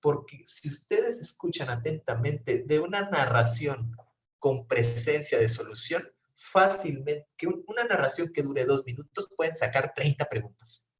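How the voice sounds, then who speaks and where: A man's voice: a little high, expressive, measured pace. A man teaching a therapy class online, explaining step by step and often checking in with his students. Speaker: professor teaching brief therapy. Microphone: computer mic on a video call. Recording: roomy, distant, dull video-call audio.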